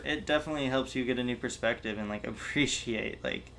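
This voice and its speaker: A man's voice: medium pitch, fast, crowd noise. A man co-hosting a casual pop-culture podcast, saying "like" constantly and laughing in asides. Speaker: podcast co-host. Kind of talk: casual chat.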